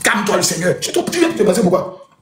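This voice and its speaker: A man rants through a live stream in a high, lively voice that leaps between registers. He mocks, shouts and slips into other voices as he goes. The room echoes around him, with faint noise underneath. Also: fast. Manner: animated, shouting, mocking, acts out voices. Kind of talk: mocking live-stream monologue.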